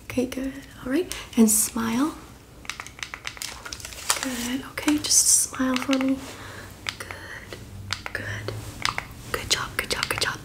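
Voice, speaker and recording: Young woman playing upbeat stylist gal, fast asmr whispered role-play, close up, kinda high voice, says little phrases over and over. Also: wildly swooping pitch, full character voice, low-quality recording. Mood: upbeat, encouraging. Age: 20s. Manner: fast ASMR delivery with repeated short phrases. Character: brisk, encouraging female makeup artist, photographer and spa worker. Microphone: close, facing the camera.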